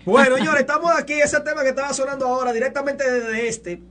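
A man's voice: extremely high pitch, flat delivery, fast talker, fairly bright tone. A man hosting a radio show, joking, teasing and hyping up his guests. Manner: joking, teasing, hype-building. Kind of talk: lively radio banter. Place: radio studio.

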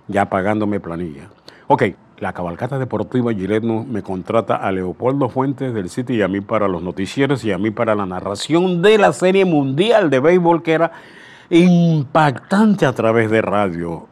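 An older man, a veteran radio announcer, telling anecdotes in an interview. He speaks animatedly, acts out dialogue and often restarts his words. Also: fairly low pitch.

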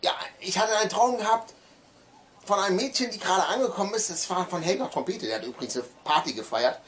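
A man voicing a sleepy, grumpy man woken by a phone call, rambling and talking fast in bursts. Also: sits high, animated, a bit bright, a little hiss or hum. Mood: grumpy, drowsy.

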